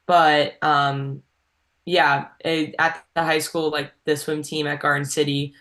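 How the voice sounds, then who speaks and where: A young adult college swimmer from Long Island, New York, gives casual interview answers peppered with ums and likes, her Long Island accent subtle. She speaks slowly in a deep, slightly bright voice with little pitch movement.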